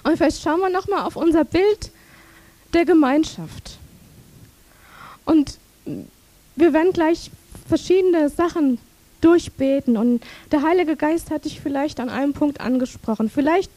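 A woman preaching a sermon in church, telling personal stories and leading prayer in a lively way. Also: sits high, unhurried, dry recording.

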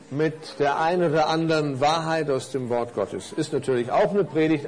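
A man's voice: fairly high pitch, poor audio. A man, a pastor, giving a casual sermon built around stories and reading one aloud. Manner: casual, lively storytelling. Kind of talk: storytelling sermon.

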